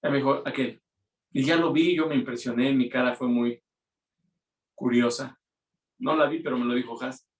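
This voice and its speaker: A man's voice: medium pitch, steady tone, normal speed, pauses often, distant mic. A man preaching a conversational sermon as pastor, often acting out quoted voices. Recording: roomy echo, mic from afar.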